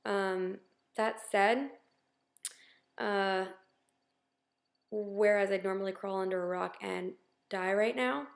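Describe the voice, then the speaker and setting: Candid woman vlogger with a gravelly voice. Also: medium pitch. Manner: candid, self-deprecating, many ums. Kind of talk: casual video diary.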